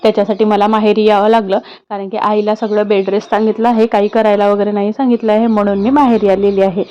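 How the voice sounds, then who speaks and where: A woman's voice: mid-range voice, flat delivery, fast talker, warm tone, highs cut off. A young woman vlogging at home on a phone, chatting to viewers and coaxing a toddler in a sing-song way. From Sakoli, Maharashtra. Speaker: family vlogger. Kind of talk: casual home vlog. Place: family home indoors.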